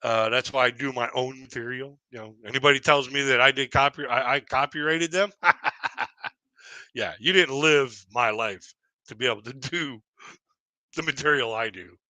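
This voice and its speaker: Bright-voiced man in his fifties doing stand-up. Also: mid-range voice, normal speed, no echo. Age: 50s. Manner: rambling, chuckles at own jokes, many fillers. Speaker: stand-up comedian. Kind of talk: casual live-stream stand-up.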